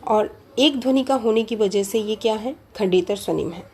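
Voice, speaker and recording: A woman's voice: mid-range voice, normal speed, a little mellow, slight background noise. A woman teaching a lecture on language, explaining step by step, repeating key terms and asking rhetorical questions. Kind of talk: lecture on Hindi phonology.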